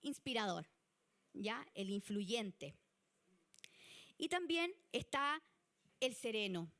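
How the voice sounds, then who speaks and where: A woman with a Chilean Spanish accent giving a church youth leadership lesson, chatty and animated. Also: on the high side, slow. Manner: chatty and animated, acts out example people.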